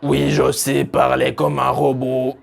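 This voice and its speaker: A man's voice: mid-range voice, completely flat delivery, slow pace, creaky, some chatter behind, heavily acted. A man buzzing out a robot voice. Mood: mechanical. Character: flat buzzing male robot. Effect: robotic buzzing voice made in the throat. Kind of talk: demonstrating a vocal trick in a tutorial.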